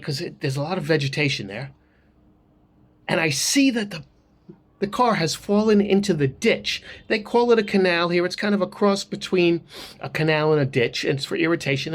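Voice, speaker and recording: An older man telling a personal story in a casual vlog, rambling with frequent pauses and restarts. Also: mid-range voice. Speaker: vlogger.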